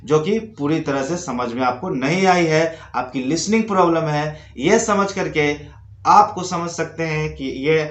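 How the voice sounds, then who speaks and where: A man's voice: fairly high pitch, measured pace. A man teaching English pronunciation in a Hindi lesson, explaining rules step by step and reading word lists aloud. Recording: echoey room.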